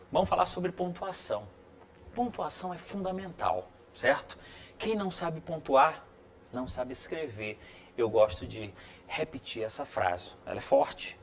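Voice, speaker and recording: A man with a Brazilian accent teaching a writing lesson on video, friendly and encouraging, who keeps checking in with listeners by asking "right?". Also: medium pitch. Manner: peppers sentences with checking tags like "right?"; friendly, encouraging classroom delivery.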